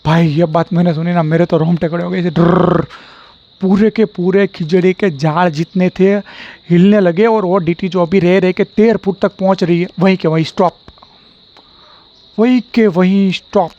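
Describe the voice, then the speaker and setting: A man's voice: high voice, fairly even intonation, normal speed, pauses often, mellow. A man from Gujarat with a Gujarati accent, telling a true horror story to his channel's viewers in a chatty, dramatic way. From Gujarat, India. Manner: dramatic, chatty, keeps addressing the listener as brother. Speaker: YouTube storyteller. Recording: slightly dull lo-fi recording.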